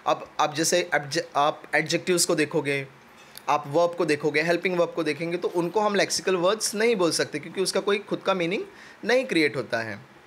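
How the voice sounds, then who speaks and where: A man teaching an exam-prep lecture, explaining step by step and reading definitions out slowly. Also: on the high side, fairly bright tone, slight background noise.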